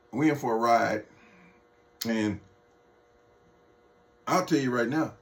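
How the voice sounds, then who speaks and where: A man's voice: medium pitch, extremely slow, creaky, pauses often. Man ranting heatedly to his viewers. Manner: heated, mocking and profane; talks straight to viewers as folks. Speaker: political vlogger. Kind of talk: off-the-cuff political rant.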